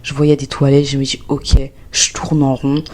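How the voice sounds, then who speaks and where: A young woman from France telling a travel story as a vlog, replaying her own panic in a high voice. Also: completely flat delivery, fairly quick, a little mellow. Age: young adult. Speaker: vlogger.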